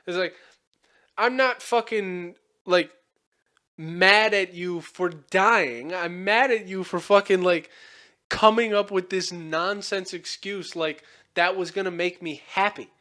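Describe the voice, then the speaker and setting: A man's voice: sits high, takes it slowly, bright, forceful tone. A young man hosting a casual podcast chat, rambling with lots of fillers and frequent swearing. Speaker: podcast host.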